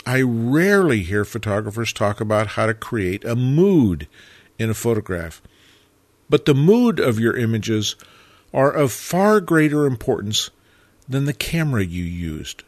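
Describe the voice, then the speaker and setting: Calm man teaching photography, dry sound. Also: mid-range voice, a little slow, no echo. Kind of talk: scripted narration.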